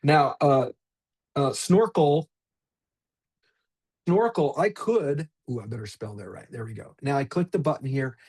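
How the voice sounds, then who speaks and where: Husky guy doing an online teacher training demo, chatty and upbeat, talking over a video call. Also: medium pitch, expressive, a little slow, long pauses, darkish tone. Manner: upbeat, chatty, addresses attendees by name. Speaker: workshop presenter.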